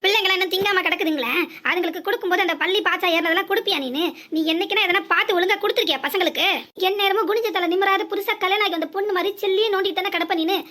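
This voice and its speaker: Give me a woman playing a bossy old village mother-in-law in a cartoon, with a southern Tamil accent and a bright, piercing voice. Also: very high voice, rapid-fire. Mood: indignant. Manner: scolding, long complaining rants. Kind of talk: cartoon voice acting.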